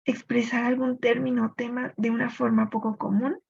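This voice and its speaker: Husky, gravelly woman teaching poetry rules. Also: on the high side, little pitch movement, a little mellow. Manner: clear explanatory pace with thinking-aloud pauses. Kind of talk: recorded literature lesson. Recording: dull lo-fi recording.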